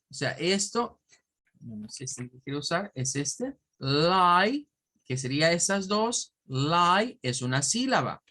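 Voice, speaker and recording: A man's voice: on the high side, fairly bright tone. A man teaching an online pronunciation lesson, patiently explaining step by step, repeating example words and often checking in with his listeners. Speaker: English teacher.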